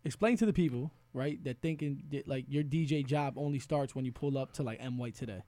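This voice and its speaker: A man's voice: mid-range voice, a little fast, warm tone, no echo. A man hosting a podcast, chatting casually with a guest, joking, laughing often and swearing freely. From half Dominican. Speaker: podcast host. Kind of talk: casual interview chat.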